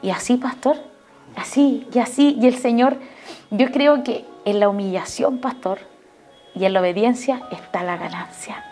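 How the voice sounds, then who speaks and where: A Chilean woman shares her faith testimony in a TV interview, her voice sitting a little high. She speaks earnestly and keeps turning to address the pastor. Soft music plays faintly underneath. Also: normal speed. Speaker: guest giving a testimony.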